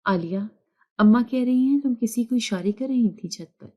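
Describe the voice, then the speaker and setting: A woman doing a puzzled young husband in an audio story, asking hesitant questions in a mellow, unforced voice. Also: fairly high pitch, close to an everyday voice.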